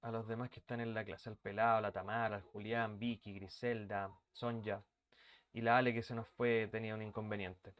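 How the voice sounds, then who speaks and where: A man's voice: lowish voice, level tone, moderate pace, a bit bright, clean tone. A man teaching a live online English class from his bedroom, chatting casually and greeting students by name. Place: bedroom used as an office. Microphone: computer mic on a video call.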